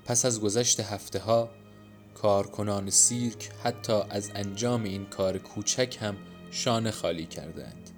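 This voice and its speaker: Somber, low-voiced male audiobook narrator. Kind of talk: scripted literary narration. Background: soft instrumental music.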